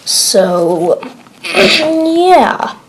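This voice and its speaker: A woman hosting her own channel, chatting casually and relaxed to her viewers. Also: very high voice, drawn-out words, low-quality recording. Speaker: channel host.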